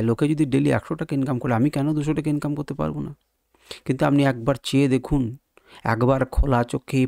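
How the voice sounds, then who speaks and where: A man's voice: medium pitch, creaky, dark tone, no room sound, clean studio sound. A man teaching trading, speaking in with an emphatic lecturing manner full of rhetorical questions. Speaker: trading educator. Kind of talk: explanatory lecture to viewers.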